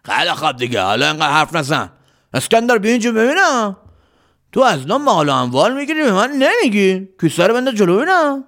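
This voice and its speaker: A man's voice: sits high, big pitch swings, fairly bright tone, heavily acted. A man voicing a bossy bandit leader who barks orders and scolds impatiently.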